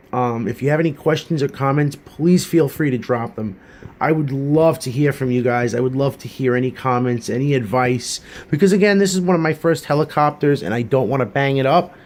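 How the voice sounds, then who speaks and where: A man talking through a casual hobby gadget review at a middling pitch. He rambles in a chatty, earnest way, full of fillers and restarts. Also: moderate pace, a little mellow.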